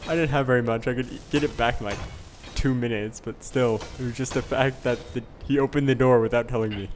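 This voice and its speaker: A man's voice: mid-range voice, steady tone, a little fast, faint music behind. Easygoing young man telling game stories. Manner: rambling, easygoing, laughs at his own mishaps. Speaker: channel host and player. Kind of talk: casual gameplay chat.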